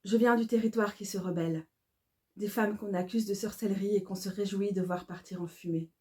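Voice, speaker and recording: Mellow-voiced woman reading poetry. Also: medium pitch. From Belgium. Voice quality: calm, measured, incantatory delivery. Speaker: author reading her own book.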